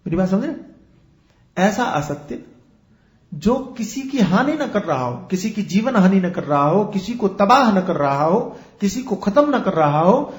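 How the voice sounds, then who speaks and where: A man's voice: high-pitched, sing-song, moderate pace, reverberant. A man who is a spiritual teacher, giving a discourse and explaining with everyday examples and rhetorical questions.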